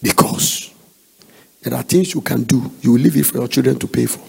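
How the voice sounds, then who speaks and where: A man's voice: medium pitch, fairly quick, creaky, husky. A man preaching an earnest sermon, exhorting and telling family stories. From Nigeria.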